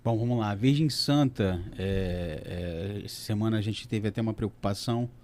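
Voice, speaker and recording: A man representing a water utility, answering audience questions on a panel in a halting way, with many fillers and restarts. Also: lowish voice, warm tone.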